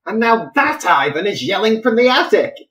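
Man playing a frantic, eccentric inventor in an audio drama, high and animated. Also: normal speed, full character voice, low-quality recording. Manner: flustered, exclaiming, pleading.

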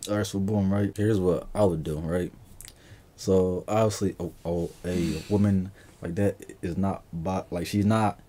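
Young male co-host, mellow low tone, rambles and stalls. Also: fairly even intonation, measured pace. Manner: laid-back, rambling, stalls with repeats. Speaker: reaction video co-host. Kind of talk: casual chat.

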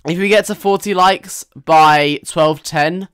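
A man's voice: sits high, slow, a bit bright, smooth, no room sound, studio quality. A man streaming a driving game, reviewing players' driving with playful, teasing banter. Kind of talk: live game commentary.

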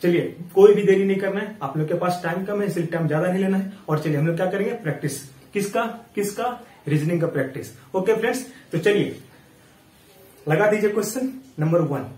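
A man with a high, light voice runs a casual reasoning class. He sits off the mic in an echoey room and keeps asking questions, then answers them himself. He tallies numbers aloud in quick bursts and sounds a little worn out from an illness he is still getting over. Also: a little mellow, far from the mic. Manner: counts sums aloud in quick running tallies. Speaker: online exam tutor.

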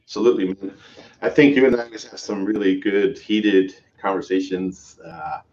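A man's voice: low-pitched, steady tone, moderate pace, darkish tone, muffled recording. A man hosting a tech livestream in casual chat, rambling with many fillers and restarts. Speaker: host, developer advocate.

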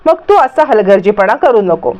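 A woman's voice: mid-range voice, big pitch swings, moderate pace, darkish tone, pitched below the performer's own voice, close to an everyday voice. A woman reading the lines of a protective, hot-tempered young man who speaks earnestly. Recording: dull lo-fi recording.

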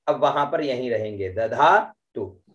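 A man teaching Vedic mantra recitation in an online class, explaining each syllable and then chanting the verse in long, drawn-out tones, often checking in with his students. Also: on the high side, animated, muffled recording. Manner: tags sentences with "है ना" and "ठीक है".

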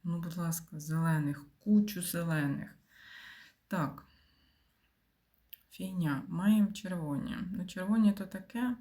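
A woman's voice: lowish voice, a little slow, long pauses, dark tone. Woman muttering over a puzzle game. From Ukraine. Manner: thinks aloud, muttering and whispering to herself. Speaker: game streamer. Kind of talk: casual gameplay commentary.

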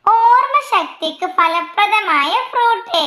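A woman reading out quiz questions, their options and the answers in a slow, measured way, dropping her pitch for each list of options. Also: animated, bright, forceful tone, echoey room. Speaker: quiz reader.

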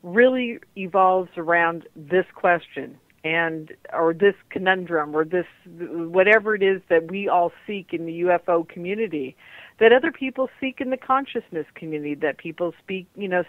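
A woman's voice: medium pitch, no echo. Woman radio host over a landline phone. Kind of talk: casual opening monologue on a radio show. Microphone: landline telephone. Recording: muffled narrowband landline phone line.

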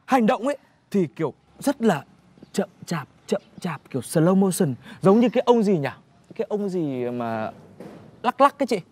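An actor playing a tactless, nosy village neighbor who laments dramatically and explains things like a know-it-all. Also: male voice, sits high, very animated, normal speed. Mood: chatty.

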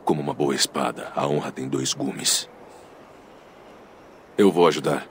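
An actor playing a stoic, honourable and solemn Viking warrior in a video game. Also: male voice, very deep voice, unhurried, slight background noise. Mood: grave, measured. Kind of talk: dramatic video game dialogue.

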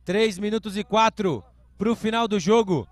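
Brazilian male sports commentator, high voice, clipped explanatory announcer phrasing, dry recording, live American football coverage. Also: moderate pace, no echo.

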